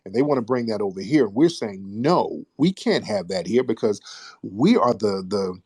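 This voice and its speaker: A man hosting a call-in talk show, speaking forcefully and preachily, often interrupting his caller. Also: fairly low pitch, big pitch swings, normal speed, slightly rough, dry recording. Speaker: host.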